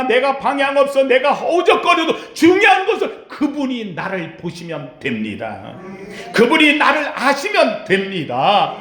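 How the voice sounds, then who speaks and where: A male pastor preaching a sermon with passion, sometimes shouting to stress his point. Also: high voice, roomy sound. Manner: impassioned preaching, shouting out the pleas of the blind beggar.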